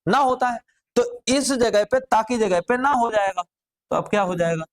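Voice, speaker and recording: A man's voice: sits high, moderate pace. A middle-aged man teaching a grammar class, drilling students with repeated rhetorical questions.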